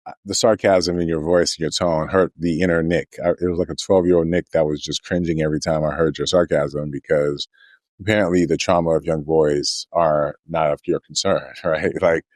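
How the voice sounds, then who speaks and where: A man's voice: rumbling low, fairly even intonation, darkish tone, no room sound. A man in his forties co-hosting a casual podcast chat, thinking aloud in a hesitant, reflective way. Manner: musing, hesitant, reflective, with filler pauses and restarts. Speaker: podcast co-host.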